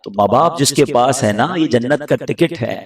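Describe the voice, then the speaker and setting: A man preaching a sermon with passion, rising to loud peaks and dropping to low pleading tones. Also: lively intonation. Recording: echoey hall, voice from far off the mic.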